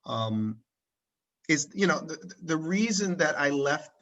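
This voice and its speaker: A man's voice: fairly high pitch, expressive, slow pace, fairly bright tone, muffled recording. A man hosting a casual conversational interview over a video call, rambling with many restarts and checking in with "right?". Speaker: interviewer and channel host. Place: at home in Switzerland, recorded over a video call.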